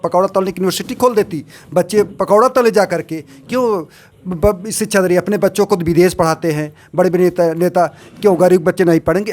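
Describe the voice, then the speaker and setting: A man's voice: on the high side, darkish tone. A man, an advocate, giving an impassioned street interview answer full of rhetorical questions. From Uttar Pradesh.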